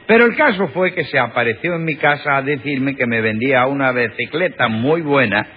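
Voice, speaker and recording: A man's voice: mid-range voice, animated, normal speed, a little hiss or hum, lightly acted. A man playing an anxious mail carrier complaining in court in a vintage radio comedy, with a whiny, pleading manner. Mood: plaintive. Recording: dull old radio broadcast.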